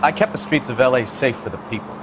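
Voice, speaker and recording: An actor playing a mocking 1940s Los Angeles police officer with an American accent, needling in a sarcastic, drawn-out way. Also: male voice, medium pitch, very noisy, natural voice.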